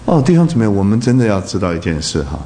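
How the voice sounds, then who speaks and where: A male preacher giving a sermon, throwing rhetorical questions at the congregation and swinging between loud bursts and soft asides. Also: lowish voice, very animated, fast, a little hiss or hum.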